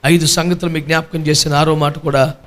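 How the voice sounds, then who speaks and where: A man with a high voice delivers a fiery sermon as pastor. He hammers points through repetition and rhetorical questions, slipping in mocking asides about those he criticizes. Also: little pitch movement, brisk. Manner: emphatic, fires rhetorical questions at the congregation.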